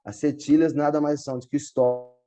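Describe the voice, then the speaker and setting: A man's voice: a little high, little pitch movement, brisk, music in the background. A man teaching a poetry workshop over a video call, explaining step by step and often checking in with his students. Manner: patient, explains step by step with frequent check-ins. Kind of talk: online class explanation.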